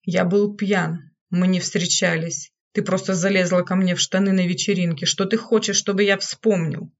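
A woman reading an audiobook, voicing a harsh, domineering man who speaks curtly with a hoarse growl. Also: fairly low pitch, unhurried. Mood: cold. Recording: dull lo-fi recording.

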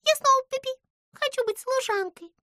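Shrill, bossy little girl creature. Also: normal speed, pushed and bright, no room sound, clean studio sound. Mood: demanding. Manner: insistent, pleading.

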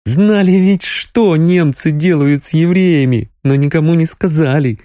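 A man voicing a tearful, spirited young woman doctor in an audiobook, his voice pushed up high and emotional. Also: a little slow, mellow, no room sound, studio quality, lightly acted. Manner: raised falsetto-like voice, sobbing, emotional. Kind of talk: audiobook character reading.

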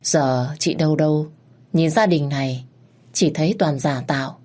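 A woman narrating a story in a calm, measured way. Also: low voice.

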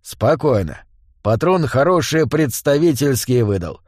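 Brief: a man playing a cool-headed assassin, short calm lines, dry close sound. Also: medium pitch, measured pace, no room sound. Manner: calm and curt. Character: cool, laconic male assassin. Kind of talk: audiobook character voice.

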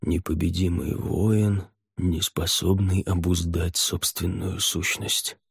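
A man as a grim, slow-talking demon warrior. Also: low-pitched, little pitch movement, gravelly, breathy edge, dry recording, clean studio sound, heavily acted. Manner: slow, terse, growling.

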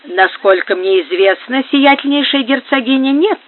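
A narrator voicing a male court priest who speaks quietly and with obsequious politeness. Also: sits high, animated, moderate pace, pitched above the performer's own voice. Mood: deferential. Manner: soft-spoken, obsequiously polite. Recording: phone-like narrow band.

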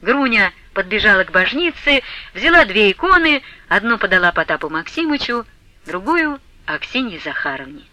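Bright-voiced woman reading a classic novel. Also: medium pitch, big pitch swings, normal speed, no room sound, rough recording. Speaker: audiobook narrator. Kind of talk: expressive literary narration.

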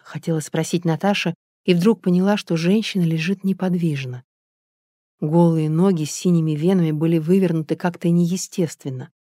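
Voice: mid-range voice, warm tone, no room sound. Dry, close audiobook narrator.

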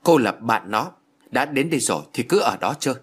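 Male narrator doing a stubborn elderly mother, firm and husky, audiobook. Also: mid-range voice, expressive, fairly quick. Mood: stern. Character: stern elderly village mother, strong-willed. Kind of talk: audiobook character voice.

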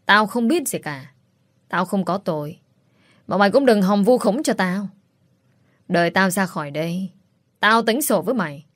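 A woman's voice: medium pitch, animated, moderate pace, long pauses, dry recording, studio quality, natural voice. A woman voicing a cruel, scheming middle-aged stepmother in a storybook reading, with a sneering, contemptuous manner. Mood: spiteful.

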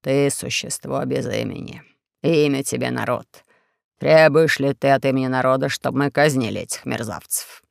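A reader voicing a pompous, scheming underground dictator who makes slow, self-important proclamations in an audiobook. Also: mid-range voice, creaky, no echo, studio quality, voice pushed down. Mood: mocking. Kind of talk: audiobook character voice.

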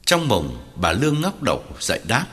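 A man narrating an audiobook in scripted narration with an expressive delivery. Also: mid-range voice, moderate pace.

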